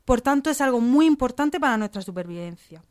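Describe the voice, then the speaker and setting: Calm, clear-voiced psychologist woman. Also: on the high side, a little fast. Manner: calm, methodical, explaining in structured lists. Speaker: psychologist guest. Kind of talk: explanatory radio interview answers.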